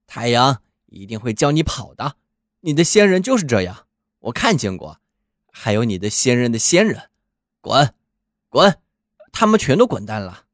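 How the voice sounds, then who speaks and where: Old hoarse watchdog, gruff and bossy, man doing the voice; barking delivery. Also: medium pitch, big pitch swings, moderate pace, long pauses, no room sound, clean studio sound, close to an everyday voice. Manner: barking, know-it-all.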